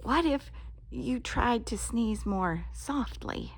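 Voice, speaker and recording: A woman plays a friendly young storybook pig. The voice is lively in pitch, direct and full of concerned questions. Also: slow pace, vocal fry, husky, full character voice.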